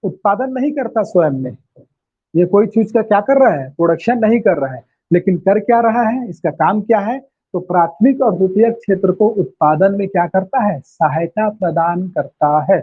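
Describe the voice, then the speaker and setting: Male teacher, high husky voice, drills points with repeated questions, tinny phone-like audio. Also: expressive, normal speed. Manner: repeats key phrases and quizzes students with questions. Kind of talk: online class lecture.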